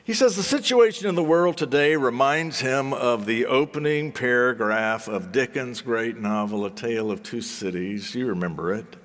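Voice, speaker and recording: A man preaching a sermon in deliberate, solemn phrases, with rhetorical repetition and dramatic pauses. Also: mid-range voice, fairly bright tone. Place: large reverberant hall or sanctuary. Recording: long hall reverberation.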